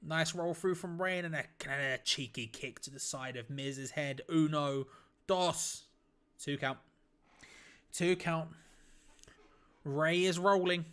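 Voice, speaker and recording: A man streaming a live watch-along, giving casual, excitable play-by-play on a wrestling match and bursting out at big moves. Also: on the high side, a little slow, long pauses. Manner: casual, blunt, swears lightly. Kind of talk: live play-by-play reaction commentary.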